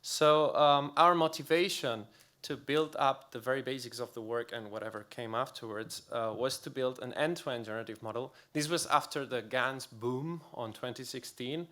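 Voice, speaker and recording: A young researcher with a Spanish accent explains his work from the stage. His pitch sits in the middle, and he talks casually, restarting phrases and thinking aloud as he goes. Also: moderate pace, pushed and bright. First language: Spanish or Catalan. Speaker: researcher giving a conference talk. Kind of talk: technical lecture. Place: lecture hall.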